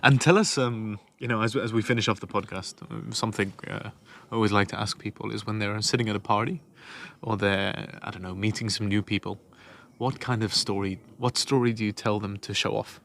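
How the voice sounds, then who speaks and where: A man hosting a podcast interview, friendly and quick to laugh, answering his guest with short encouraging words. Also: lowish voice, steady tone, vocal fry, fairly bright tone. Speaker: podcast host. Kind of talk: casual interview. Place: outdoors on a walking trail.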